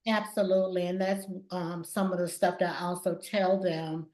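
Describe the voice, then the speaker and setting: A woman hosting an interview who is herself a claims adjuster, talking in lively, agreeing bursts. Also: on the low side, normal speed. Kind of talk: interview conversation. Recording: echoey room.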